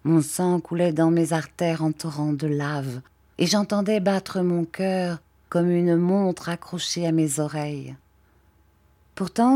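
Slow, dark-voiced woman reading a story. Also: fairly low pitch. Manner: measured, expressive reading. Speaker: narrator.

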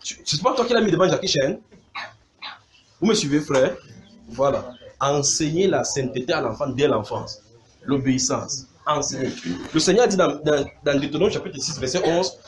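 A man preaching a sermon, animated, mimicking sounds and calling out to his congregation. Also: a little high, fairly quick.

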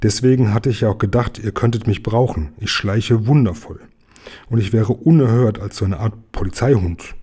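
A man's voice: on the low side, moderate pace, mellow, husky. A man voicing an eager, earnest small boy in a read-aloud children's story, speaking in a raised, pleading tone.

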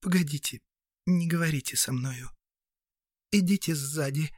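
A man voicing a gentle, tearful young woman who speaks softly and pleadingly in a hushed tone. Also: on the high side, unhurried, no room sound, studio quality, pitched above the performer's own voice.

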